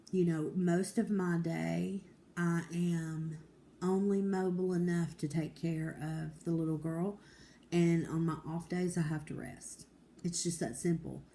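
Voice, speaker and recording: Woman in her 40s, low mellow voice, candid home vlogger. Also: slight background noise. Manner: candid, rambling, determined, with many fillers. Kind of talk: casual personal vlog.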